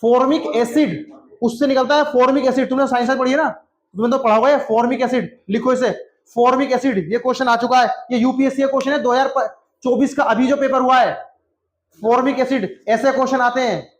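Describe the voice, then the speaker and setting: A man's voice: extremely high pitch, fairly even intonation, brisk. A man teaching a classroom lesson, repeating answers over and over and quizzing students by name. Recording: echoey classroom.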